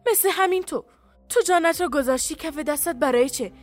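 A woman's voice: sits high, pitched above the performer's own voice, natural voice. A woman voicing a stubborn, bewildered young woman prisoner who speaks bluntly in an audiobook, with faint music under her. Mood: blunt, puzzled.

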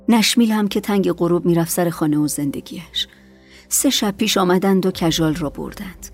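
A woman reads an audiobook in a low, soft voice that keeps slipping into near-whispers. Faint music plays beneath her. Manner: soft, often hushed and whispery. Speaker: audiobook narrator. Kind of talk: scripted narration.

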